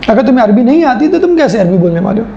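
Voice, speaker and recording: Gravelly-voiced woman teaching a lecture. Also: fairly high pitch, very animated, warm tone, roomy sound, dull audio, slight background noise. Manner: explanatory, rhetorical questions, mimics people. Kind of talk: classroom lecture.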